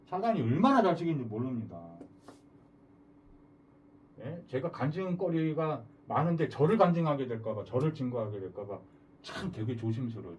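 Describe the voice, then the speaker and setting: A man's voice: medium pitch, darkish tone, distant mic, dull audio, slight background noise. A man preaching a sermon, emphatic and full of rhetorical questions to the congregation.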